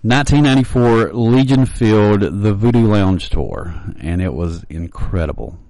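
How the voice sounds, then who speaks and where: A man's voice: fairly low pitch, lively intonation, unhurried, warm tone, dry recording, poor audio. A man hosting a radio show, telling stories in a folksy, laughing way. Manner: folksy storytelling, laughs easily. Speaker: radio host. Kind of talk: casual on-air chat.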